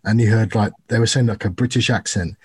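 A man's voice: on the low side, fairly even intonation, fast talker, breathy edge, no room sound. A man co-hosting a podcast, chatting casually and telling rambling jokey stories. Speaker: podcast co-host.

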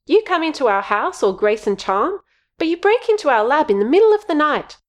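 A woman's voice: lively intonation, fairly quick, clean tone. A woman reading an audiobook, voicing a stern, suspicious middle-aged mother who speaks in an accusing tone. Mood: indignant. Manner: accusing, high-pitched and loud.

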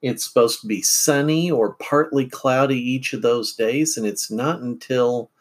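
A man's voice: mid-range voice, unhurried. A middle-aged man from central Illinois hosting a casual morning podcast from home, rambling with many fillers and restarts. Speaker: podcast host.

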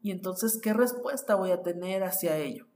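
A woman's voice: on the low side, normal speed, a little mellow. A woman with a Mexican Spanish accent, an ontological coach hosting a solo podcast, explaining ideas to her listeners and often checking in with tag questions. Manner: explanatory, addresses listeners directly with frequent "¿no?" tags.

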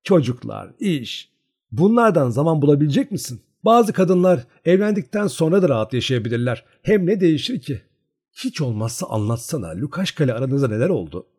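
A man's voice: on the high side, very animated, fairly quick, warm tone, husky, voice pushed up, heavily acted. A man reading aloud, voicing a bold, playful young peasant girl who teases and coaxes her friend. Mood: teasing. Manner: playful, coaxing, mischievous.

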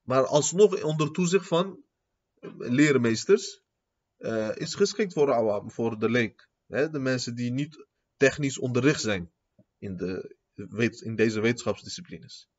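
A man gives a religious lecture, his speech peppered with Arabic terms and rhetorical checks on his listeners. His pitch sits in an ordinary middle range. The recording sounds muffled and lo-fi. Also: animated, unhurried. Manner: rhetorical questions, keeps asking "zie je?"; mixes Arabic terms into Dutch, non-native grammar. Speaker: Islamic teacher giving a lecture.

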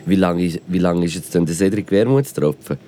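A man's voice: low-pitched, a little fast, dark tone. A man with a Swiss German accent, calling in from home as a podcast co-host, teasing and laughing easily. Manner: giggly, teasing. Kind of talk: casual chat over a remote call. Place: at home in his room. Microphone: phone and clip mic near the body.

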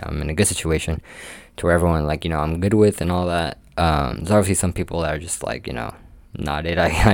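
Young dude rambling about his job, deep voice, says like a lot, dry sound. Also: creaky, no room sound. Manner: rambling, heavy use of "like" fillers. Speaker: amusement park game attendant. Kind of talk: casual storytelling vlog.

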